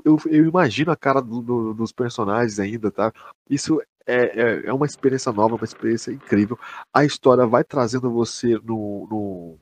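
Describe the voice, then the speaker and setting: A Brazilian man with a husky, medium-pitched voice hosts a podcast, chatting casually and enthusiastically. He gives an excited review full of slang and emphasis, swearing now and then.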